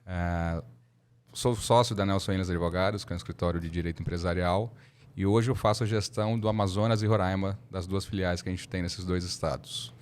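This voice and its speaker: Low-voiced Brazilian man in his thirties. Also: fairly even intonation, fairly quick, a little mellow, clear, resonant tone. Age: 30s. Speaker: podcast guest, lawyer. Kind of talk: casual interview talk.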